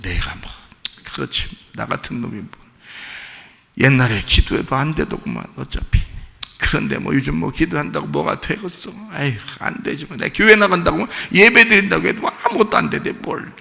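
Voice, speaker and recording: A man voicing a despondent, self-pitying male churchgoer who mumbles low and resigned, recorded in an echoey church hall. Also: fast talker, gravelly, hardly any pauses, sharp tone, full character voice. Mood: dejected.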